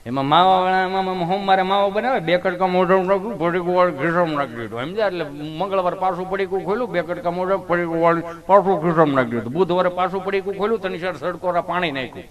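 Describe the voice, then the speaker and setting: High-voiced folksy comedian. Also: male voice, quick pace, hardly any pauses. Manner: chatty, folksy, acts out dialogue. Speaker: stand-up comedian. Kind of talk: comic storytelling.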